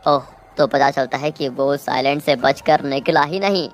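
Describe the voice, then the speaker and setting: A woman with a low voice retells a movie's plot in a dramatic storytelling manner. She talks to viewers directly, as if to friends. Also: moderate pace. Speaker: movie recap narrator.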